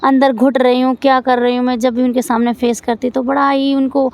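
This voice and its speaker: A young woman speaking in an interview, soft, heartfelt and halting as she opens up. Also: sits high, little pitch movement. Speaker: interviewee, exam aspirant. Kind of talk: emotional interview talk.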